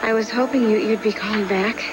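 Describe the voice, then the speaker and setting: A woman's voice: mid-range voice, steady tone, a little fast, heavy background noise, close to an everyday voice. An actress playing a woman who bargains guardedly with a kidnapper in a soap opera. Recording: old TV soap with loud music score.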